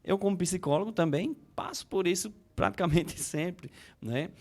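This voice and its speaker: A man's voice: high voice, moderate pace, darkish tone. A man with a Brazilian Portuguese accent, a psychologist explaining things in an interview, often repeating words as he thinks and acting out inner thoughts. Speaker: psychologist guest. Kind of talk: conversational interview.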